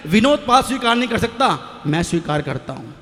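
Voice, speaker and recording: High-voiced man telling comic stage poems. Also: very animated, fairly quick, fairly bright tone, big-room sound. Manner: jokey storytelling, banter with audience. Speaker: stage poet. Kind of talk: comic poetry recital.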